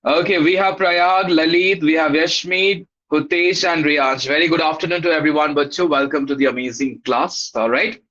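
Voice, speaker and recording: A male teacher with an Indian accent speaks in a fairly high voice through slightly dull, lo-fi audio. He runs a live online class for children, casually greeting and checking in with them in an upbeat, encouraging manner. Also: steady tone, normal speed, hardly any pauses, a bit bright.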